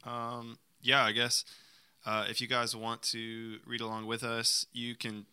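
A man's voice: mid-range voice, monotone, a little slow, pushed and bright, clear, resonant tone. A young man co-hosting a podcast, chatting and joking, then reading aloud and stumbling over words. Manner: joking, reads scripture with stumbles. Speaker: podcast co-host and reader. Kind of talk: casual chat and reading aloud.

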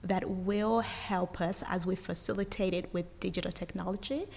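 A woman from Uganda speaks as an interview guest, energetic and thoughtful, often restarting mid-sentence. Her voice sits low with a gravelly edge. The recording carries a long reverb tail. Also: normal speed, a little hiss or hum. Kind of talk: casual interview chat.

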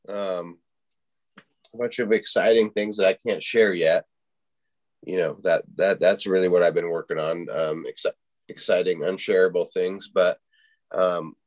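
Deep-voiced man rambling on a podcast. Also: darkish tone. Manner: rambling, many fillers and restarts, swears casually. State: hiccups. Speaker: podcast host. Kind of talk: casual podcast chat.

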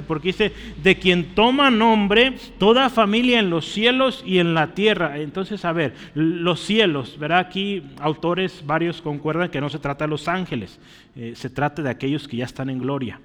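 A man's voice: on the high side, a bit bright. A man preaching a sermon, teaching and often asking his listeners short questions. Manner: teaching, asks the congregation questions. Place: church. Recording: long church reverb.

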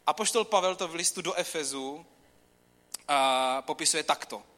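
A man giving an informal, conversational sermon, talking straight to his listeners. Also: on the high side. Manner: conversational, animated, talks straight to the audience. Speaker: preacher. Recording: long hall reverb with faint room noise.

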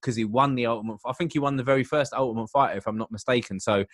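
A man's voice: mid-range voice, racing, no echo, clean studio sound. A man talking sports casually on a podcast, rambling and swearing, with lots of restarts. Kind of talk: casual chat.

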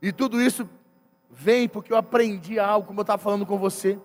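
High-voiced man preaching in a hall. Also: steady tone, a little fast. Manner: retells family conversations, acting out each person's lines. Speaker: pastor. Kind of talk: sermon with storytelling. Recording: long hall reverb.

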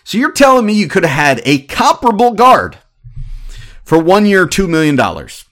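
A man in his thirties giving opinionated sports commentary as a podcast host, ranting in an animated, exasperated way. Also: high-pitched, normal speed. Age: 30s.

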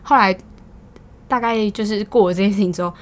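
A woman's voice: medium pitch, a little fast. A young woman with a Taiwanese Mandarin accent, hosting a podcast and telling a story in casual, exasperated venting, swearing now and then. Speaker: podcast host.

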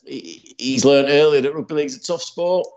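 A man's voice: mid-range voice, moderate pace, darkish tone. Rambling man on dull lo-fi audio. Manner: rambling, lots of fillers and restarts, earnest. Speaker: podcast co-host. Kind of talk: casual podcast chat.

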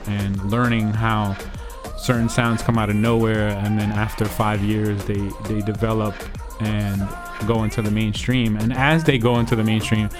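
Laid-back low-voiced man, music underneath. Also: little pitch movement, moderate pace. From New Jersey, USA. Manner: laid-back, slangy storytelling. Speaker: DJ and music producer being interviewed. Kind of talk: casual interview chat.

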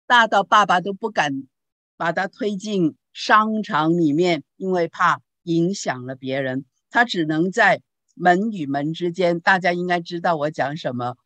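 A woman pastor giving a teaching talk on parenting, telling anecdotes in a lively way and asking the audience questions. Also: fairly low pitch, no echo. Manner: lively storytelling with rhetorical questions.

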